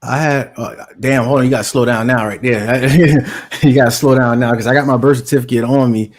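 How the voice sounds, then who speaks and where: A man's voice: mid-range voice, fairly even intonation, a little fast. A man hosting a live stream, laid-back and casual with slang, often repeating himself.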